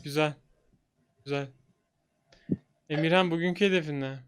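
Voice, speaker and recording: A man's voice: on the high side, fairly even intonation, clear, resonant tone. A young man hosting a casual online study call, upbeat and teasing as he calls on each participant. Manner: upbeat, quick to tease and cheer others on. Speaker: host of an online study session. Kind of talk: casual group video call. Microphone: video call.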